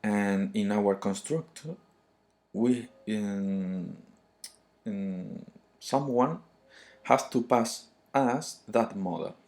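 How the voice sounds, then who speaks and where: Male screencast tutor, slightly deep voice, thick non-native English accent, very slow hesitant delivery. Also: darkish tone. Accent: thick foreign, non-native English. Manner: halting, hesitant, searching for words. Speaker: programming tutorial presenter.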